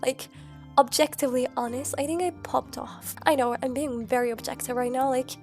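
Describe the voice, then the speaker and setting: A young woman with a high voice, thick and nasal from a cold. She rambles on in a casual, self-mocking way, full of slang, while soft music plays underneath. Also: steady tone, a little fast. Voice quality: nasal, congested. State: stuffy nose from a cold. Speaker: Sims content creator. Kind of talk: casual chatty commentary. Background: faint background music.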